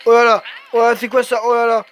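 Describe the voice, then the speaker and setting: A man giving let's play commentary, swearing a lot and exclaiming excitedly as he talks to himself. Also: extremely high pitch, fast, faint music behind. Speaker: gamer.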